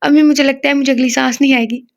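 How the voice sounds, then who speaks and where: A woman's voice: high voice, steady tone, quick pace, gravelly. A woman voicing a distraught young woman who is frantic about her sister, pleading and asking breathless questions.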